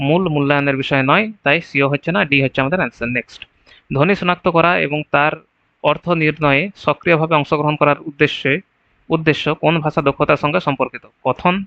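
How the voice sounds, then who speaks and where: Quick, bright-voiced male exam tutor. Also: a little high, no room sound, lo-fi sound. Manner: explains answer choices step by step, often asks "right?". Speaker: exam prep teacher. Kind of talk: online exam-prep lesson.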